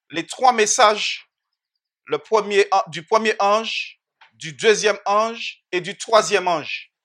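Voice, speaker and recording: A Bible teacher leads an interactive sermon, speaking slowly and deliberately. The voice is bright and forceful. The speaker keeps putting questions to the listeners and repeats words, often restarting a phrase before finishing it. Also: mid-range voice.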